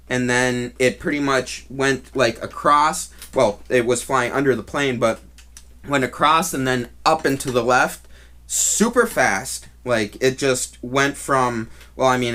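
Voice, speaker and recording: A man with an average-pitched voice shares a personal story as a casual vlogger. His delivery is loose and rambling. He halts and doubles back on his phrases as he goes. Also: sharp tone. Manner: rambling and halting, with trailing restarts.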